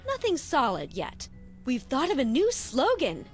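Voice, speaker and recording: An actress voicing a haughty monarch in a cartoon video game, speaking in a regal, drawn-out, condescending way. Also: female voice, high-pitched, wildly swooping pitch, soft background music, heavily acted. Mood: regal, bored.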